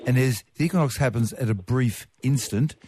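A man's voice: mid-range voice, brisk, warm tone, a little hiss or hum. A man answering callers' science questions on a radio call-in, playful and joking as he explains. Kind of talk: casual radio Q&A.

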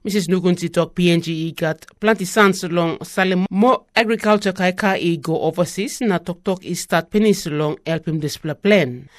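A man's voice: high voice, moderate pace, hardly any pauses, no room sound, clean studio sound. A male radio presenter with a Melanesian accent reading scripted news in Pidgin.

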